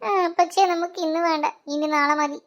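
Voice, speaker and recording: A woman performing a comic family skit, switching quickly between scolding, teasing and calling out to children. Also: sits high, fairly even intonation. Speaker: comedy sketch performer.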